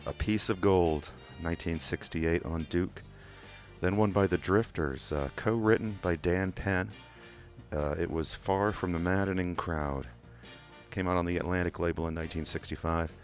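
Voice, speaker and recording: A low-pitched man from England, speaking with a Kentucky accent, hosts a community radio music show from a studio. His casual DJ talk is relaxed and rambling, full of "uh" fillers and restarts, picked up on a studio microphone.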